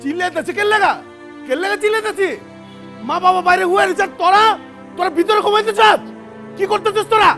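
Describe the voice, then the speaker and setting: A furious shouting elder son. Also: male voice, very high-pitched, fast, soft background music. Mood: angry. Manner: shouting, scolding, coarse insults. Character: angry elder son, hot-tempered, protective of parents. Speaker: elder son defending his parents.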